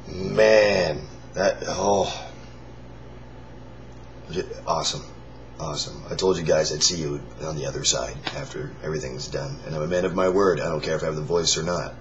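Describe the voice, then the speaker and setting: A low-pitched man who sings in a band and vlogs talks casually to viewers despite having lost his voice. Tired and straining his throat, he forces out a raspy, breathy, whisper-like croak, rambling and halting. The audio is dull and lo-fi, with faint noise.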